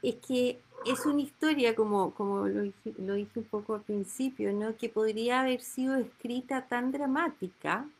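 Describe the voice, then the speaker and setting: A woman's voice: on the high side, moderate pace, hardly any pauses. A woman hosting an interview, reacting briefly and reflecting thoughtfully. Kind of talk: casual interview chat.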